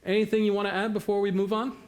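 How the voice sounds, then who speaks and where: A man's voice: high-pitched, little pitch movement, rapid-fire, heavy background noise. A man leading an interactive theatre workshop, encouraging volunteers and asking the audience questions. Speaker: workshop facilitator.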